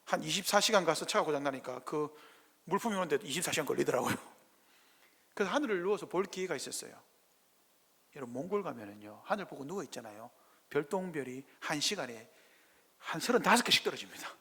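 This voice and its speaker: A pastor, preaching a sermon in a church sanctuary and firing rhetorical questions at the congregation. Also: male voice, fairly high pitch, lively intonation, fast, bright, forceful tone, breathy edge. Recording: echoey church hall.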